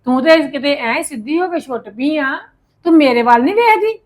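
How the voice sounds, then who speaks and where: A high-pitched sister played by a woman in a family drama. She scolds and complains, quick to take offence. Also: animated. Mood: indignant. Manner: indignant, scolding. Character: proud, easily hurt woman attached to her village. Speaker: sister Davinder, mother of the house. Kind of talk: home-made family drama acting.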